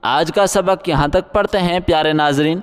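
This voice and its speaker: Man, tajweed teacher, spells and chants syllables slowly, explains rules fast, reverberant room, soft music. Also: clean tone. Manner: explains rules quickly in a low voice. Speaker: Quran reading teacher. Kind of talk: teaching Quran reading with tajweed.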